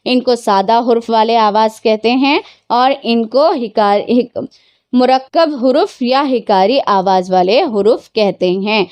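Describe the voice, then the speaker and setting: Woman teacher, slightly high voice, patient question-and-answer grammar lesson, dry close sound. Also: unhurried, a little mellow, no echo. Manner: patient, asks questions and answers them herself; mixes English words into explanations. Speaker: Urdu teacher.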